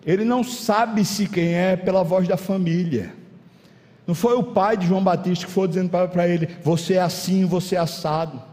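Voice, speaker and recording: A man's voice: high voice, steady tone, moderate pace, darkish tone, big-room sound. A man preaching a sermon, dramatic, firing rhetorical questions and acting out little scenes.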